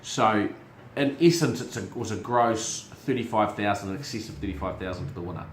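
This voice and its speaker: Talking fairly quickly in a lowish voice, a middle-aged racing show host and syndicate manager chats casually on a family show about horse racing, repeating words as he hunts for them. The recording has roomy echo and slight background noise.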